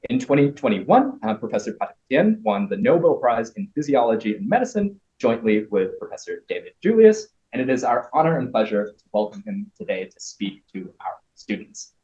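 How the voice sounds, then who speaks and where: Man with a dark, lively voice on dull audio. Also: medium pitch, fairly quick, hardly any pauses. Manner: reads a prepared introduction, hesitant fillers. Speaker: event host introducing a speaker. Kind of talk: formal introduction.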